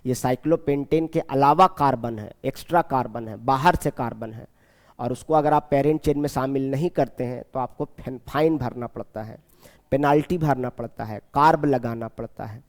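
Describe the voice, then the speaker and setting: A man teaching a chemistry class, repeating key terms slowly and asking his students questions as he goes. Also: medium pitch, long reverb tail. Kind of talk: classroom lecture.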